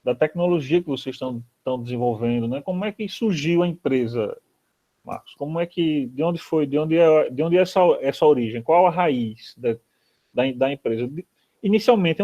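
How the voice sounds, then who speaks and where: A man's voice: fairly high pitch, lively intonation, a little fast, darkish tone. A man with a Brazilian accent moderating an online academic interview, hesitant with many fillers. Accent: Brazilian Portuguese. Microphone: video call. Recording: dull lo-fi video call audio.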